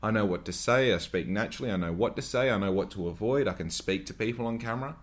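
A man's voice: on the low side, fast talker. A man in his late twenties hosting a solo podcast, talking in a rambling, profane way full of "like" and loose asides. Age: 20s. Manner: rambling, profane, filler-heavy with frequent "like". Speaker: podcast host.

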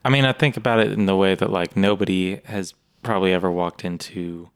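A man's voice: low voice, fairly even intonation, brisk, clean tone. A man co-hosting a casual podcast, chatting in an easygoing, agreeable way. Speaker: podcast co-host, music store employee.

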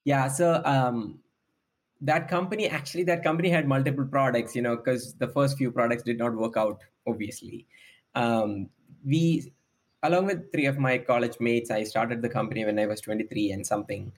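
A man's voice: mid-range voice, normal speed. A man, a startup founder talking through his career in a podcast interview, thoughtful and hesitant with many ums. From India.

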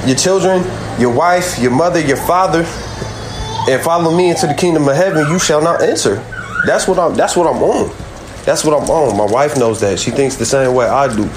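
A man's voice: on the high side, roomy sound, noisy background. A man on a live group voice call who speaks with earnest conviction and quotes scripture in a casual debate. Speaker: call-in panelist.

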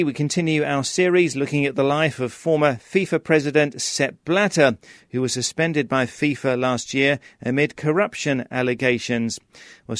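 A male radio host reads his scripted announcements in a brisk, businesslike announcer style. His voice sits in a middle register and is recorded close and dry, with no room sound at all. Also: medium pitch, no room sound.

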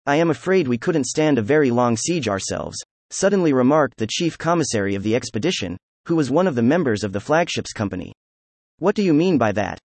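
A man reading a classic science fiction story aloud as scripted narration, with an even, unhurried delivery and the dialogue read with little change of voice. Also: mid-range voice, no echo. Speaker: audiobook narrator.

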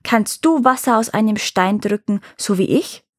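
A woman's voice: mid-range voice, animated, normal speed, no room sound, clean studio sound, lightly acted. A woman reading the lines of a cunning young peasant man who boastfully bluffs a dragon in a storybook tale. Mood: sly.

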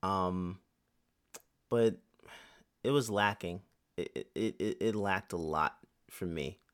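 A man's voice: low voice, slow, a bit bright, smooth. A man co-hosting a podcast in casual chat, laid-back and candid. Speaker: podcast co-host.

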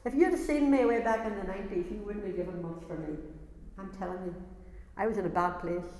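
Her voice is mid-range with a darkish tone, and she preaches quickly to a congregation gathered in a church or hall. Earnest throughout, she repeats words to drive her points home, all within a long, echoing reverb.

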